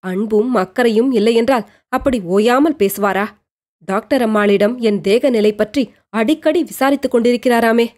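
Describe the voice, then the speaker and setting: A woman's voice: on the high side, moderate pace, a little mellow, lightly acted. A woman voicing a lovesick bedridden young woman. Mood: brooding. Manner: anxious inner monologue, questioning herself.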